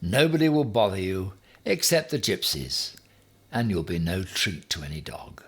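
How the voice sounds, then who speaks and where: In a children's story, a man voices Ham, a bossy, boastful self-styled future emperor, using a low, husky, exaggerated voice that is expressive and a bit bright. His delivery is pompous, emphatic and commanding at a moderate pace. The mood comes across as brisk and reassuring.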